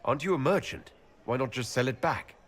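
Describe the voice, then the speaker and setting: Calm devoted leader in a video game, husky, plainspoken, big echoey hall reverb. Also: male voice, mid-range voice, brisk. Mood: firm. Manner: direct, plainspoken. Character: calm, earnest, devoted male elf leader. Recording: long echoing hall reverb.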